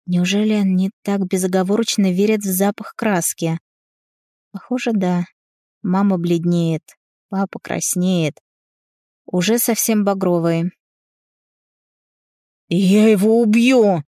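A woman's voice: mid-range voice, fairly even intonation, measured pace, dark tone, no room sound, studio quality. A woman narrating a novel in the first person in a wry, confiding way. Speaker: audiobook narrator.

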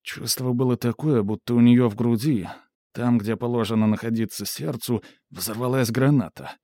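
A man narrating a novel in even, measured audiobook style. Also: medium pitch, no echo, clean studio sound.

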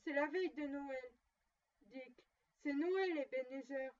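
A woman voicing a jovial, booming old male merchant who calls out cheerful commands. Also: steady tone, moderate pace, natural voice. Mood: hearty. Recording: dull distant lo-fi recording.

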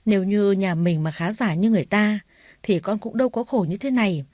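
A woman's voice: mid-range voice, a little fast, warm tone, no echo, studio quality, natural voice. A woman voicing a defiant young female student who petulantly talks back to her family, in a narrated story. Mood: resentful.

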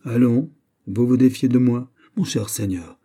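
A man voicing a shrewd, calm bishop who questions his host in a measured, quietly insistent way, in an audiobook reading. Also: medium pitch, close to an everyday voice. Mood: smooth. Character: calm, shrewd male bishop, smoothly probing.

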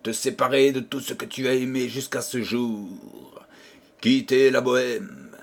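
A man reading a storybook aloud, voicing a gentle, kindly female fairy queen who speaks softly and tenderly. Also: medium pitch, measured pace, slightly rough. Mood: tender, coaxing. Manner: soft, tender, coaxing.

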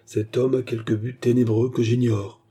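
A proud, cunning young courtesan, her voice raised a little above a dark, husky base, as a man reads her. She comes across as emotional, scheming and mocking in a storybook reading. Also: medium pitch, little pitch movement, moderate pace, close to an everyday voice. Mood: determined. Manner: emotional, turning caressing and mocking.

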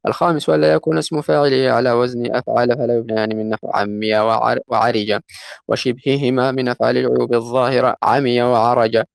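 A man reciting a classical grammar text in a lesson at a brisk, rushing pace, his voice gravelly with fry. He slows to chant the quoted verses. The sound is close and dry, with no room echo. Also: medium pitch, little pitch movement. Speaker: student reading a grammar text aloud.

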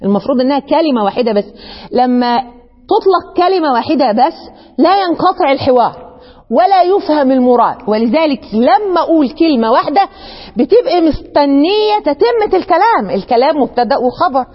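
Egyptian woman teacher, high voice, quick delivery, muffled recording in a reverberant hall. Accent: Egyptian Arabic. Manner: lively, acts out questions and dialogue. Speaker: Quran teacher. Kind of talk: religious lesson to women.

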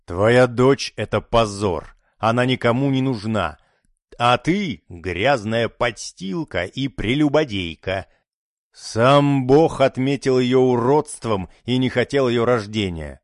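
A harsh, fanatical religious mother, as a male narrator puts her on in an audiobook. She scolds and lashes out, her pitch rising and falling widely. The recording is close and dry. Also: animated, slow, no echo. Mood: contemptuous. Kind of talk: audiobook character voice.

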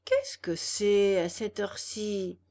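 Storybook snail, placid and very slow, voiced by a woman; keep it gentle. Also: medium pitch, steady tone. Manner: drawn-out, unhurried, placid. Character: slow unhurried female snail, calm and kindly.

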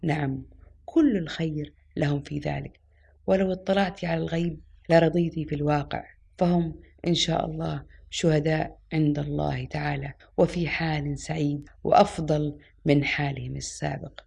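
A woman reading the lines of a wise, calm elderly woman in an audio story, speaking firmly like a preacher. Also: low-pitched, normal speed, vocal fry, breathy edge, exaggerated voice. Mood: confident. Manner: firm, preaching tone.

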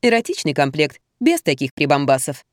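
A woman voicing a patronizing young female shop consultant in an audiobook, using brisk sales patter. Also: sits low, sing-song, no echo, studio quality, voice pushed down.

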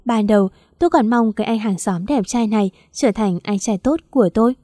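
A young woman narrates a first-person audiobook in a calm, reflective way. Her voice sits a little high with a dark, mellow tone. The recording is close and dry. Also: fairly quick, dry recording.

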